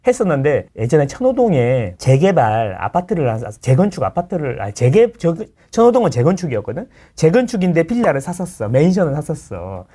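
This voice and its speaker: A man's voice: on the high side, big pitch swings, a little fast, hardly any pauses, warm tone, husky. A middle-aged man, a real estate lecturer chatting casually as a guest, explaining with everyday analogies and acting out the people he quotes. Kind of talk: casual chat.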